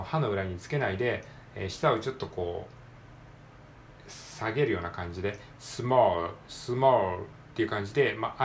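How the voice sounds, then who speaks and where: Man, lower register, casual self-study drill, repeats words slowly with fillers. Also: slight background noise. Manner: thinks aloud with many fillers. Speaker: English learner practicing pronunciation. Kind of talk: casual solo reading-aloud practice.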